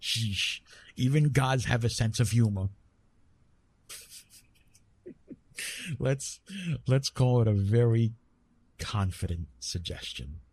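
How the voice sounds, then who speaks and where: In an intimate ASMR roleplay, a man voices a retired god of love, tender and teasing. He speaks softly at a medium pitch, husky and breathy, with a gentle, reassuring delivery full of pauses and self-corrections.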